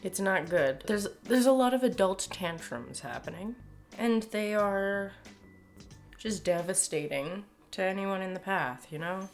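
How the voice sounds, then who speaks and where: Indoors in a small room at home, a young adult Canadian woman delivers casual opinion commentary to camera as a video commentator, emphatic, sardonic, and exasperated. Her mid-range voice is animated and measured in pace. Soft music plays in the background.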